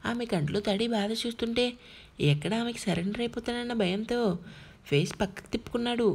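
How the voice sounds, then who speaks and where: A woman's voice: a little high, brisk, creaky. A woman narrating an emotional family drama as an audiobook storyteller, telling it expressively.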